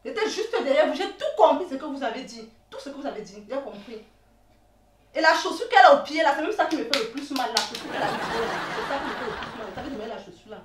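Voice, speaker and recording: A woman with a Cameroonian accent playing a jealous girlfriend who shouts and accuses in a comedy sketch. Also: sits high, expressive, fast, slight background noise. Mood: agitated. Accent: Cameroonian French. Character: jealous young woman, hotheaded and insistent. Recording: echoey room, mic far off.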